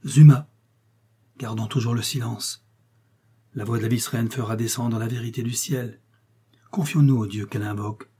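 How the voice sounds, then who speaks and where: Solemn grave young husband, read by a man, dark husky voice, storybook. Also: mid-range voice, steady tone, normal speed, pauses often.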